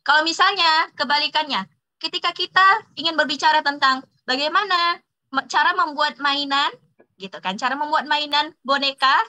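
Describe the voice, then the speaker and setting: A woman's voice: sits high, normal speed, sharp tone, poor audio. A woman teacher giving a casual talk on public speaking to an online class, chatty, laughing often and using plenty of fillers.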